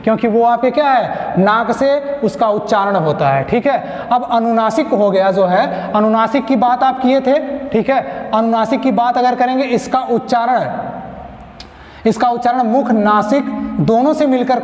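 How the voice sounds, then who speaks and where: Male tutor, high voice, explains patiently and checks in after every point, long reverb. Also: normal speed, darkish tone. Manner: explains step by step, checks with repeated "ठीक है"; asks the class questions and answers them himself. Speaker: Hindi grammar teacher. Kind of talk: online exam-prep lecture. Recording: echoey room with long reverb.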